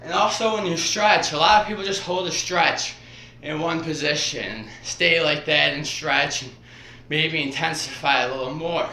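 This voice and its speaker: A man with a bright, slightly high voice rambles through an exercise demonstration in short, halting phrases. He is audibly out of breath as he moves. The room echoes around him, with a faint hiss underneath. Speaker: vlogger. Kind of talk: casual exercise demonstration vlog. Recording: roomy echo, faint background hiss.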